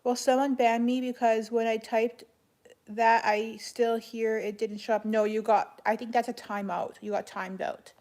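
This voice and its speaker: A woman chatting casually on a livestream as she answers viewers, speaking in a flat monotone with a creaky voice. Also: fairly high pitch, unhurried. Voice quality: creaky vocal fry. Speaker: live streamer answering chat.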